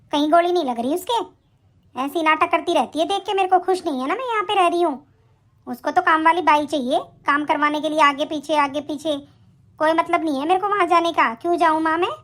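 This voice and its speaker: A woman voicing a stubborn, spoiled young married daughter who argues defiantly in an animated story. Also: extremely high pitch. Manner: argumentative, defiant, scornful.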